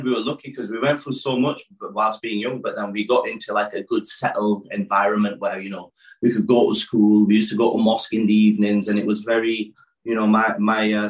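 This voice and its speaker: Low-voiced man telling his life story. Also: low-quality recording. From born in Pakistan, raised in West Yorkshire. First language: Urdu. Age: 30s. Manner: open, rambling storytelling with many restarts. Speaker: guest, wrestler. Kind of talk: casual interview.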